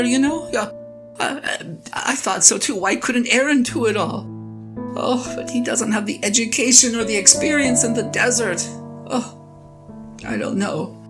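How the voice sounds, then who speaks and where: In a one-person conversational audio drama, a woman voices a flustered, reluctant Moses as an aging husband, her medium-pitched delivery lightly acted. She halts, stammers, pleads and sighs through the monologue over guitar and piano music.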